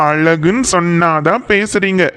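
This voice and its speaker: A man's voice: high voice, unhurried, sharp tone, clean tone. A man voicing a flustered lovestruck cartoon guy. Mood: wooing. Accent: Kongu Tamil (Coimbatore). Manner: pleading, coaxing, flustered. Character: lovestruck young office-working man, timid and pleading. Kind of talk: cartoon voice acting.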